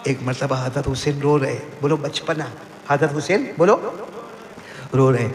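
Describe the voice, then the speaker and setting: A man preaching an impassioned sermon at a live gathering, prompting the seated crowd to call back praise and swinging between soft pleading and high cries. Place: religious gathering before a seated audience. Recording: echoey hall with long reverb, faint ambience.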